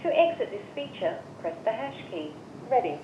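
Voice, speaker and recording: A woman's recorded voice reading voicemail system menu prompts in measured, evenly spaced instructions, heard through a phone speaker. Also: on the high side, sing-song. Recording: muffled, echoey phone speaker with hiss.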